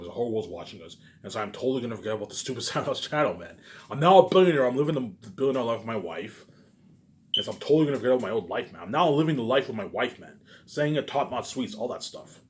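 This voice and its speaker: There's a slight hiss or hum on this recording of a man with a mid-range voice giving a rambling, casual monologue. He repeats himself emphatically, swears, and regularly tacks on questions seeking agreement.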